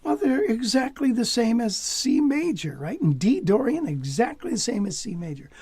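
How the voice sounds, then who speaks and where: A man teaching jazz guitar in a relaxed, casual way, sometimes dropping to a near whisper. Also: very high voice, moderate pace, breathy edge. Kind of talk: relaxed lesson talk.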